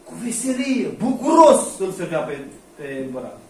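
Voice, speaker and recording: A man's voice: sits high, big pitch swings, warm tone. A man preaching a sermon, reading scripture aloud and asking the congregation questions. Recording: echoey hall, voice from far off, faint noise.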